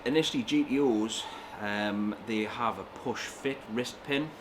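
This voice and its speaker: Low-voiced male engine builder in a workshop. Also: a little slow. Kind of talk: casual technical explanation. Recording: clear background noise in workshop.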